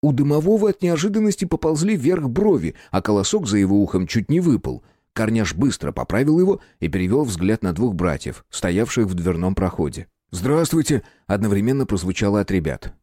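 A man narrating an audiobook in an expressive reading style. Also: lowish voice, brisk, few pauses, no echo, clean studio sound. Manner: expressive reading, acts out voices.

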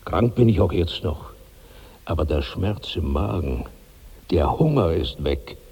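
An actor playing a huge, ravenous old man in his sixties in a 1960s radio drama, brooding and husky, breaking into loud cries. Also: low voice, lively intonation, unhurried, in a large hall, heavily acted. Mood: disgusted. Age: 60s.

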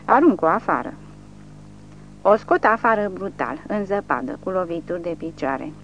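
A woman narrating a war novel audiobook with steady, vivid storytelling. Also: lowish voice, slight background noise. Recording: lo-fi audiobook recording.

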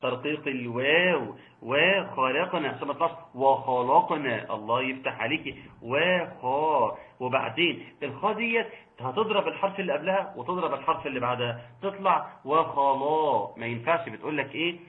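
Egyptian sheikh teaching recitation, tinny line. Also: male voice, fairly high pitch, expressive. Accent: Egyptian Arabic. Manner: slow drawn-out recitation of verse examples, patient corrections. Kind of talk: online Quran recitation lesson, correcting students.

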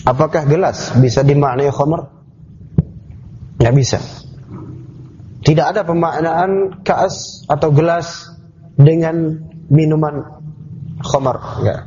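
A man's voice: on the high side, takes it slowly, pauses often, mellow, slight background noise. Male teacher lecturing on scripture terms. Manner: explains terms step by step, asks the class questions. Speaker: Islamic teacher. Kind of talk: classroom tafsir lecture. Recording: dull lo-fi class recording.

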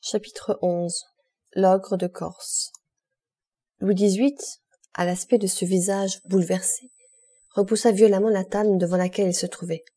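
A woman narrating a classic novel as an audiobook, reading in a measured, unhurried way. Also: mid-range voice, steady tone, mellow, husky, soft background music.

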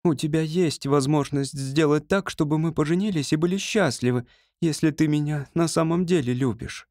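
A man's voice: a little high, moderate pace, a little mellow, no echo, studio quality, voice pushed up, close to an everyday voice. A man voicing a young woman who pleads emotionally with her beloved in an audiobook reading. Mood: pleading.

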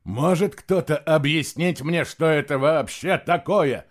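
A man's voice: on the high side, measured pace, voice pushed up. A man reading an audiobook, voicing a stern, proud warrior who talks with solemn command. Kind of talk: audiobook narration.

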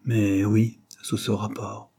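A weary, patient father with a dry, gentle wit, read by a man. The voice is dark and a little husky, lifted slightly above the reader's own, calm and measured in a storybook. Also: lowish voice, heavily acted. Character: tired, patient middle-aged tutor and father, dry humor.

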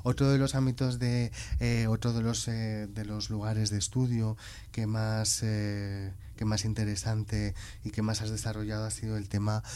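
A man from interviewing a writer, asking questions with many hesitant pauses. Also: lowish voice, flat delivery, warm tone, clear, resonant tone. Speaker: radio interviewer.

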